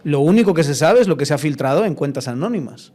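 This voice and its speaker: A man hosting a podcast interview, chatty and animated, often checking in with tag questions as he talks. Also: a little high, quick pace. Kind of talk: conversational interview.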